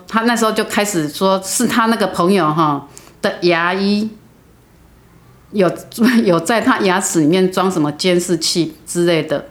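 Low-voiced woman telling a story. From Taiwan. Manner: earnest, halting, many restarts. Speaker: guest. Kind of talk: personal storytelling.

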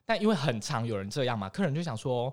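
Man, podcast guest, animated storyteller, pitch swinging widely, laughs often. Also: quick pace. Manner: animated, laughs often while telling stories. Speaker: former airport ground staff, podcast guest. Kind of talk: casual podcast chat, storytelling.

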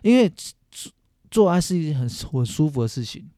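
A Taiwanese-accented man in his thirties speaks frankly and casually, full of slang and repetition. The voice is warm and relaxed yet moves fast, recorded dry and close. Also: on the high side, dry recording. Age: 30s. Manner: blunt, slangy, repeats himself.

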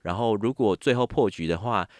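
A man with a Taiwanese Mandarin accent, a podcast guest telling a story in casual chat. He is animated and acts out other people's lines with sudden jumps in pitch. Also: brisk, no echo, clean studio sound.

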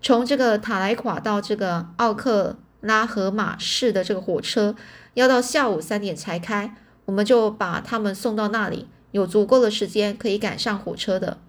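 A kindly old grandfather, proud of his grandson, speaks low and soft, as a woman reading a storybook voices him. His delivery stays close to a plain, everyday reading voice. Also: normal speed, lightly acted. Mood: eager.

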